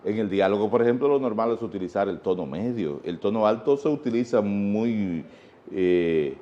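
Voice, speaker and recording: Mellow Dominican man teaching speech. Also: on the low side, expressive, moderate pace, highs cut off. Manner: didactic, poses rhetorical questions. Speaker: guest speaking teacher. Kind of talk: TV interview, explaining.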